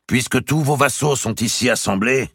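A man voicing a proud, hot-tempered nobleman in an audiobook, declaiming loudly and formally. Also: medium pitch, normal speed, slightly rough, no echo, studio quality, pitched above the performer's own voice. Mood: indignant. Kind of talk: audiobook character voice.

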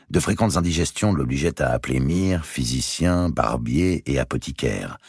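Very deep gravelly male narrator. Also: no echo, studio quality. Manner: expressive, dramatic reading. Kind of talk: audiobook reading of a historical novel.

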